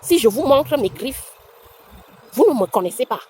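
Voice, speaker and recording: Combative woman ranting, high voice. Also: big pitch swings, moderate pace, mellow, breathy edge, low-quality recording. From Cameroon. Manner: combative, scolding, repetitive. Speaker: vlogger. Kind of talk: angry social media rant.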